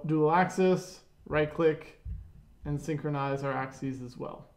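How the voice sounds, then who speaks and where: A man talking through a software tutorial step by step, relaxed, often correcting himself mid-sentence. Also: fairly high pitch, creaky. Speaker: software trainer. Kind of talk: screen-recorded software tutorial. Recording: roomy echo.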